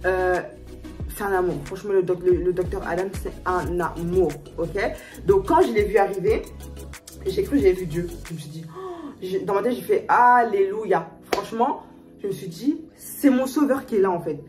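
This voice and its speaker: A woman's voice: medium pitch, moderate pace, mellow, recorded from a distance, faint music behind. A young woman vlogging a personal story to her viewers, talking emotionally and repeating herself with lots of fillers and restarts. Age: young adult. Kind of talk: storytime vlog, casual chat to viewers.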